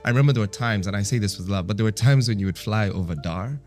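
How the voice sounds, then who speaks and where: A man with an East African accent, a guest on a talk show, talks casually and reflectively, chatting freely and sprinkling Swahili into his English. His voice is lowish and darkish, and he races along with faint music behind him.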